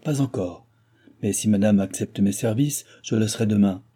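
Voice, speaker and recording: A man reading aloud who voices a confident young hairdresser with a smooth, ingratiating manner. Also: lowish voice, normal speed, warm tone. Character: eager, self-assured young male hairdresser.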